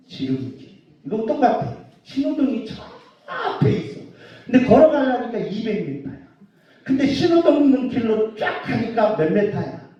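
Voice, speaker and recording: A male pastor preaching a sermon in an animated way, joking and scolding with rhetorical questions. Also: very high voice. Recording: roomy dull sound from far off.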